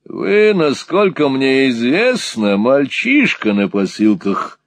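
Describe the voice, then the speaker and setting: A man's voice: low voice, big pitch swings, a little slow, heavily acted. A man voicing a cruel, arrogant aristocrat in an audiobook, talking down with contempt and barking orders. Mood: scornful. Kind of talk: audiobook character voice.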